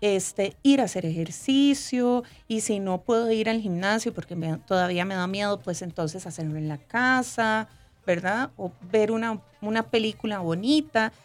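A woman's voice: medium pitch, normal speed. A woman, explaining emotional regulation on a talk show and often tagging her sentences with a question. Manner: frequent tag question "¿verdad?", warm explanatory tone. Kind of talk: casual explanatory chat.

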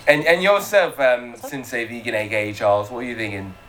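A man's voice: medium pitch, brisk, a bit bright. A man hosting a casual panel chat, upbeat and rambling with fillers. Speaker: host.

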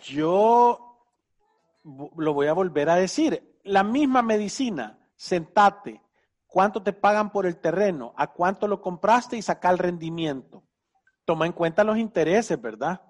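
Salvadoran male host, high voice, energetic and jokey on finance talk. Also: unhurried. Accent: Salvadoran Spanish. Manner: enthusiastic, teasing, uses vos. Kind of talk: casual radio advice chat.

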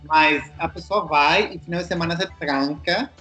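A man's voice: on the high side, normal speed, bright, forceful tone, faint music behind. A man in a casual chat, explaining his points in a talk-it-through manner.

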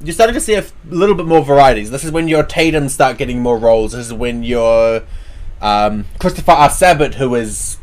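Male host, mid-pitched voice, casual and opinionated conversational delivery with emphatic points. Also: expressive, fairly quick. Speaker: show host. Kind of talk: casual opinionated chat about anime dubs.

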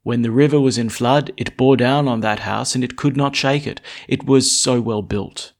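A man, a priest, speaking at Mass in a church, deliberate when reading and conversational when explaining. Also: mid-range voice, steady tone. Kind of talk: Gospel reading and informal homily at Mass.

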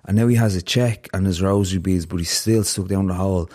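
A man's voice: deep voice, fairly even intonation, fast, a little mellow. A man hosting a podcast, earnestly reflecting and telling a long parable to his guest. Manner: earnest, heartfelt, tells parables at length. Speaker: podcast host. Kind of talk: reflective conversation and storytelling.

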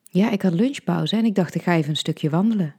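A woman reading a story, voicing a friendly young woman with a soft, light and kind manner. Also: lowish voice, fast, husky.

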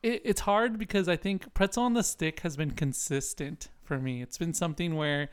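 A young man with a smooth, resonant voice, pitched a touch higher than most men. He chats casually and jokes around with a friend, telling stories with playful exaggeration. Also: moderate pace. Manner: joking, animated storyteller who puts on a squeaky kid voice. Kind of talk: casual chat.

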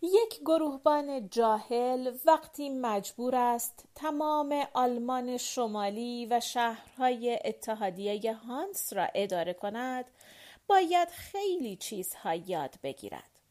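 A steady, affectionate general gives orders without fuss in an audiobook, read by a woman. The delivery is measured and warm in intent, kept near the reader's own fairly high voice. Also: lightly acted. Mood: calm instructions. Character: calm, affectionate male general, gently commanding. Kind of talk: audiobook character voice.

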